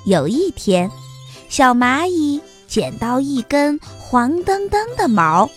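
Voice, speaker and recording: High, lively woman telling children's stories. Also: slow pace, soft background music. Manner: gentle, sing-song storybook telling. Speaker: storyteller. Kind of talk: children's story narration.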